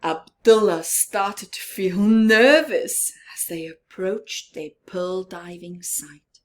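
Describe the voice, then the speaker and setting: A woman reads a picture book aloud to children in a medium-pitched voice. She performs it expressively, leaning on dramatic emphasis, stretching out words, and slipping into hushed, chatty asides.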